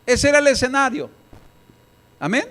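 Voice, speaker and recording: Animated Mexican preacher, high voice. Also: male voice, normal speed. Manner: animated storytelling with acted voices. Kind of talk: sermon. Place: church.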